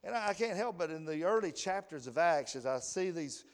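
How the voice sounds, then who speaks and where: An American man preaching a sermon, animated, often laughing and reading scripture aloud in a raised voice. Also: a little high, a little fast. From United States. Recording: long hall reverb.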